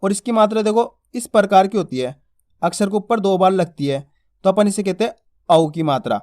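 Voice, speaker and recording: A man teaching children to read Hindi. He sounds out each syllable slowly, drawing out and stressing the vowels, and keeps quizzing the viewer with short questions. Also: high-pitched, lively intonation, darkish tone. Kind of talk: spoken lesson.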